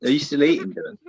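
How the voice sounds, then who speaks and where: A man's voice: a little high, slightly rough, no echo. A man co-hosting a casual football podcast over a video call, chatty and teasing, laughing often. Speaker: podcast co-host.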